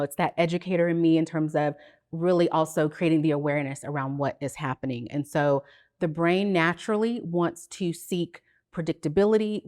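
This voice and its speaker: A woman with a somewhat low voice speaks as a psychotherapist guest on a podcast. She explains things in a measured, teacherly way. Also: a little mellow. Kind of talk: podcast interview.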